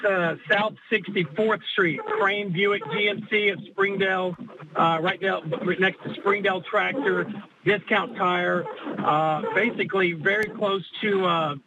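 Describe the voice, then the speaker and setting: High-voiced male reporter on a noisy phone. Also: steady tone. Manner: halting, hesitant delivery as he gets his bearings. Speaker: field reporter. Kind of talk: live phone report from storm damage. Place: roadside at a storm-damage scene. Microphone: phone call. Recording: dull lo-fi phone line, loud noise.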